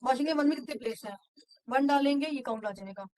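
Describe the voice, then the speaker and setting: A woman running a software training session, explaining step by step with frequent fillers. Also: sits high, fast. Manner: mixes Hindi and English, explanatory, frequent fillers. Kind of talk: screen-share training walkthrough.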